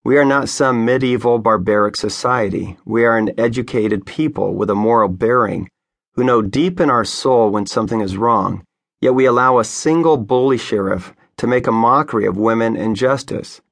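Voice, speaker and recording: A man narrates his own memoir with an earnest, conversational ease. His voice sits in an ordinary middle pitch. He speaks as a pastor recounting what happened to him, close to a studio microphone. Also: moderate pace, creaky, a bit bright. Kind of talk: memoir audiobook narration read by the author.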